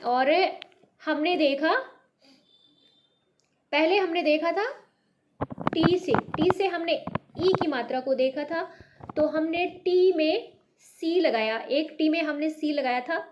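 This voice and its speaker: A high-pitched woman gives a beginner Hindi lesson at an unhurried, deliberate pace. She is from North India and patiently repeats each word, stressing the sounds so learners can follow. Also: a little mellow. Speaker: Hindi teacher. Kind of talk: slow beginner language lesson.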